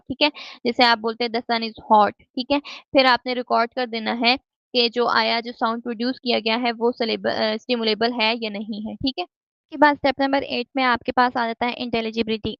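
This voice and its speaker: Female lecturer, slightly high voice. Methodical, mixes in English terms. Dull, dry recording. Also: vocal fry, dry recording. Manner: explains step by step, keeps asking "ठीक है?"; mixes English terms into Hindi-Urdu speech.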